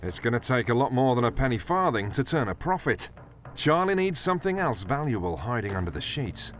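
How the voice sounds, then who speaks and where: A man's voice: mid-range voice, sing-song, fairly quick, fairly bright tone. A man reading scripted narration for a television documentary. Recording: voice-over with music bed.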